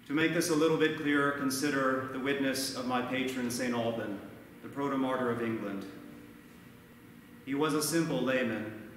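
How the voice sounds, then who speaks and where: A man in his thirties, a priest giving a measured, earnest sermon at a lectern, recorded from far off in a large church. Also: mid-range voice, fairly bright tone, heavy reverb, in a large hall, a little hiss or hum. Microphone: far camera, no mic seen.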